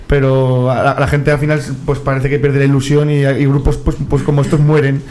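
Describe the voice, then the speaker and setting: A man, a band member, speaking reflectively and softly in a radio interview. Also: mid-range voice, little pitch movement, fairly quick.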